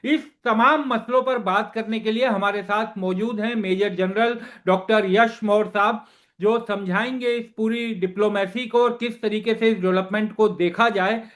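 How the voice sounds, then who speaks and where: High-voiced male news interviewer. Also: fairly even intonation, fairly bright tone. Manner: measured, scripted intro then long question. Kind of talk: formal news presenting.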